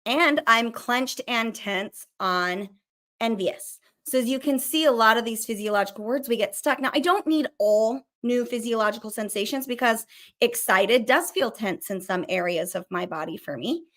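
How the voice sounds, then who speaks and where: Middle-aged lady counselor, talks fast n chatty, swears casually, teaching vibe. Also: on the high side, a bit bright. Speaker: licensed counselor hosting a mental health show. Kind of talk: casual teaching while sharing a screen.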